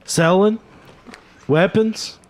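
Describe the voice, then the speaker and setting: A man's voice: high-pitched, very slow, voice pushed up. A man doing a bad Cockney bandit leader. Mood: menacing. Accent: attempted Cockney.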